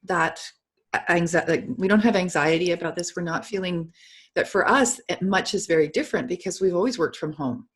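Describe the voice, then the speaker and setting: Lowish-voiced chatty woman on a video call. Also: brisk. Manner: chatty, agreeable, laughs often. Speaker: co-host of essential oils show. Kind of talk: casual chat over video call.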